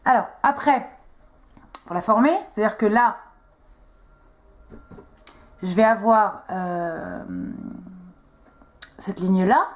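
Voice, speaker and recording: A young woman, a beauty vlogger, chats casually while walking viewers through each step of a makeup tutorial, poking fun at herself. Her mid-range voice has lively intonation and a slow pace with frequent pauses.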